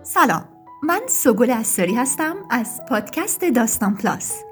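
A woman's voice: fairly high pitch, sing-song. A woman podcast host giving a scripted, inviting introduction. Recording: music bed under voice.

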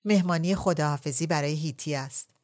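A cocky, flirtatious middle-aged official, read by a woman in a low voice. He teases and jokes crudely, the way a storybook character boasts across a lunch table. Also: darkish tone, lightly acted. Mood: teasing. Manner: teasing, crude.

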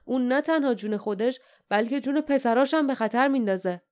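Brief: a woman reading as a cold, commanding rebel chief in a storybook, clear smooth tone. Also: fairly high pitch, a little mellow, voice pushed up, lightly acted. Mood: stern. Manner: hard, commanding. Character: stern, cold rebel leader man.

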